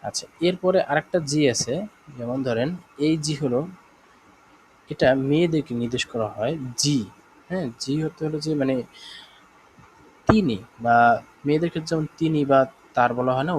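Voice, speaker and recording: In a live online German class, a man with a Bangladeshi Bengali accent and a mid-range voice explains things slowly. He repeats himself and keeps checking that students follow along. There's slight background noise and the audio is poor.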